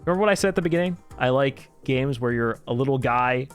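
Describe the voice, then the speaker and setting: A man's voice: medium pitch, fast, smooth, soft background music. A man livestreaming casual, enthusiastic commentary as a streamer, swearing freely and often talking through laughter.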